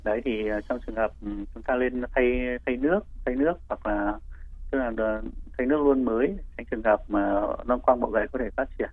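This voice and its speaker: Raspy guy doctor, lots of hesitating, dull phone-ish sound. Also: mid-range voice. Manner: hesitant, with frequent pauses and repeats. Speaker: doctor, infectious disease specialist guest. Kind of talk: explanatory interview answers.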